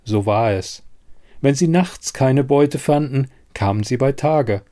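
Man, audiobook narrator, dark fantasy, slow pace, grave, measured. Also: mid-range voice.

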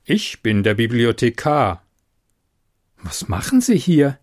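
A man voicing Loreen, a skeptical, sharp-tongued young girl, in a raised, higher voice. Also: sing-song, slow pace.

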